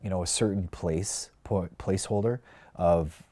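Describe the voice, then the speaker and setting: Earnest male guest, deep dark voice, heartfelt and rambling. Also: normal speed. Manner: earnest, heartfelt, filler-heavy with "like" and "you know". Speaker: podcast guest, career coach. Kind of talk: reflective casual conversation.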